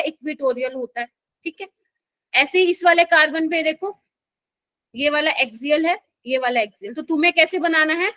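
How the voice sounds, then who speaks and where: A woman with a high voice teaches a live chemistry lesson, speaking Hindi mixed with English in an Indian accent. She talks slowly and patiently and keeps asking the class whether they follow. The sound is dry and close. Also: fairly bright tone, dry recording. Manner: patient, explains slowly and checks understanding.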